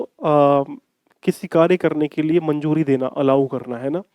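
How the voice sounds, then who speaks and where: A man's voice: sits high, no room sound, lo-fi sound. A man teaching an exam-prep English grammar lesson, repeating key phrases and answering his own questions. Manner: calls students "bhai".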